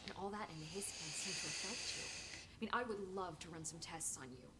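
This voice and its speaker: An actress playing an eager young female research scientist in a game, talking earnestly and a little haltingly. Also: fairly low pitch, very noisy, lightly acted. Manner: earnest, chatty, slightly halting.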